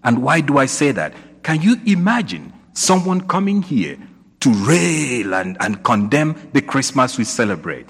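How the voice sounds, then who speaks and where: A man's voice: medium pitch, big pitch swings, a little slow, husky. A man preaching a sermon in a church, posing rising questions and repeating points for emphasis, his voice ringing with cathedral echo. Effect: cathedral echo, long reverb of a large church. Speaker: priest. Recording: long church hall reverb.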